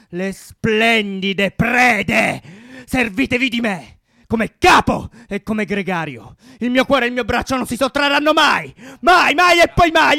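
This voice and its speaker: A man's voice: extremely high pitch, vocal fry, bright, forceful tone, no room sound, full character voice. A man playing a defiant rebel leader in a live stage play, declaiming rousing speeches.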